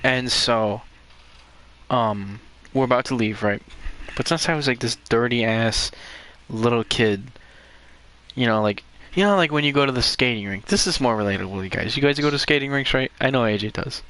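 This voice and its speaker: A young man hosting a podcast, telling a story in casual chat with lots of swearing and shouted reenactments. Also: mid-range voice, normal speed, smooth. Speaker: podcast host.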